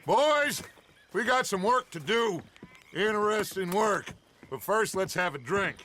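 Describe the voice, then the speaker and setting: Grandiose outlaw leader, bright and animated. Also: male voice, high voice, measured pace, full character voice. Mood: rousing. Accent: American. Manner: theatrical, oratorical, commanding. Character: charismatic, grandiose male outlaw gang leader. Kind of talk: dramatic video game acting.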